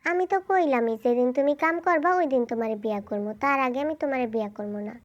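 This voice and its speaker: A woman's voice: high-pitched, quick pace, natural voice. A woman voicing a teasing, lovesick young village man in a fan-fiction audio story, speaking a rural Bangladeshi dialect. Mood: earnest. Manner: pleading, playful teasing.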